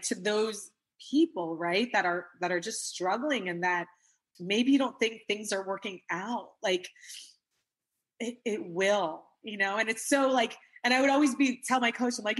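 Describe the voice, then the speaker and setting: A woman's voice: mid-range voice, a bit bright, husky. A woman coach in an interview, talking in an earnest, emotional way with lots of filler words, tearful. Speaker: guest coach. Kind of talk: casual interview chat.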